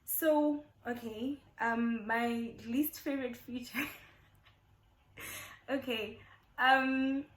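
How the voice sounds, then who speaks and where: A woman's voice: a little high, steady tone, slow pace, a bit bright. A young South African woman in her twenties, chatting casually to her channel and repeating points for emphasis. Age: 20s. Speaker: YouTuber. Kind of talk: casual get-to-know-me chat. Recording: echoey room.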